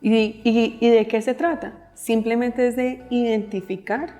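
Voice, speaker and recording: A woman with a Colombian accent, a guest on a faith podcast, telling her story with lively acted-out quotes. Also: a little high, a little slow, soft background music. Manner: animated storyteller, acts out quotes, laughs often. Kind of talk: casual faith-based podcast chat.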